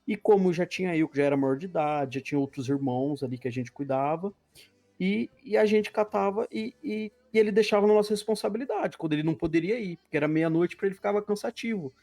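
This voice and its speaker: Higher-voiced man telling a testimony. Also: fast, a little mellow. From Brazil. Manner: earnest, vivid, acts out dialogue. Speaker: podcast guest. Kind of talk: personal testimony storytelling.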